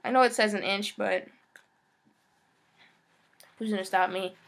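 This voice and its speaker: A woman's voice: medium pitch, steady tone, unhurried, a bit bright. A young woman in her teens making a casual home vlog, chatty and frustrated, swearing often. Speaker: vlogger.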